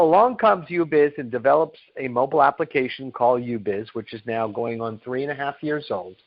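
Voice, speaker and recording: On a conference call, a company chief executive gives an emphatic sales pitch, repeating phrases and answering his own rhetorical questions. His voice is mid-range, and the recording sounds dull and lo-fi.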